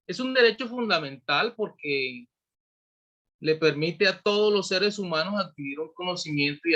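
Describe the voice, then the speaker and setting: A man's voice: a little high, fairly bright tone. A man giving a scripted explanatory presentation. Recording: dull lo-fi audio.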